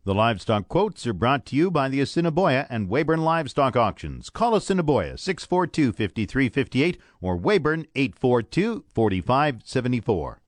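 Canadian guy reading radio market news and sponsor spots, lots of pitch movement, dry sound. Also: sing-song, normal speed, hardly any pauses, no room sound. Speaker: radio farm news host and announcer. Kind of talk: scripted broadcast narration of market news and sponsor reads.

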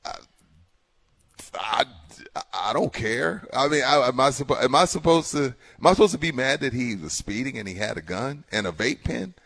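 A man's voice: medium pitch, lively intonation, normal speed, gravelly, a bit bright, husky. A man co-hosting sports radio in casual banter, wry and dismissive, often repeating himself.

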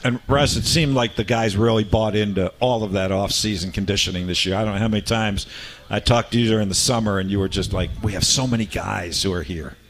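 A man's voice: lowish voice, steady tone, fast, a little hiss or hum. A man hosting a live sports radio talk show from a restaurant, a friendly and chatty interviewer.

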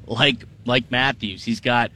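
A man's voice: medium pitch, fairly even intonation, slow pace, bright, forceful tone, a little hiss or hum. A man hosting a sports talk show in a studio, speaking conversationally with emphatic enthusiasm. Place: radio studio.

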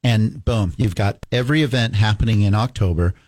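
A man's voice: lowish voice, fairly quick, a little mellow, no echo. Upbeat man guesting on radio. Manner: upbeat, promotional. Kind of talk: casual radio chat. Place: radio studio.

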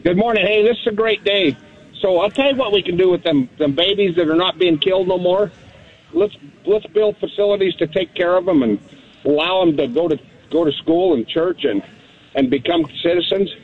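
A man's voice: high-pitched, fairly quick. A male radio show caller speaking over a phone line, blunt and rambling with folksy grammar. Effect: call-in voice over a phone line. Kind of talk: casual call-in opinion.

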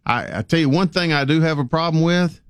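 A man's voice: fairly high pitch, a little fast, clear, resonant tone, no echo, studio quality. A man giving folksy, opinionated commentary as a sports talk host. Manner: plain-spoken, folksy, opinionated.

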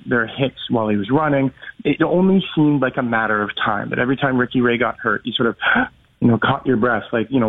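A male sports radio host talks through the game at length, hedging and restarting as he thinks aloud. His voice sits at an ordinary middle pitch. The sound is thin and phone-like, as if heard over an old radio line. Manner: hesitant, thinking aloud with many fillers. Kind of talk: sports talk radio discussion.

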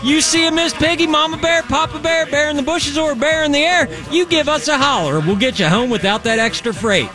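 A man playing a male trucker talking over CB radio, in a rapid patter of trucker slang. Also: very high voice, over music, pitched above the performer's own voice. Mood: hamming.

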